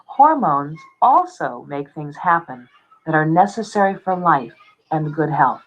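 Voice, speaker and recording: Low-voiced female film narrator. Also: big pitch swings, a little slow. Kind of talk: scripted educational narration. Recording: dull lo-fi film soundtrack with faint music.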